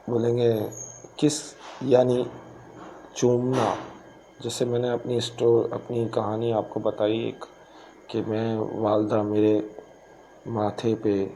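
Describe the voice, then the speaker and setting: A man, explaining an English poem line by line as a teacher. He reads each line slowly, then explains it at a quicker pace. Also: on the low side, dark tone, a little hiss or hum, poor audio. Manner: switches between slow recitation and quick explanation.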